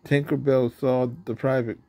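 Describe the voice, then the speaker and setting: A man's voice: medium pitch, flat delivery, moderate pace, vocal fry, mellow, dry recording. Man reading a children's storybook aloud. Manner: plain reading with slips and self-corrections. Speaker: storybook reader.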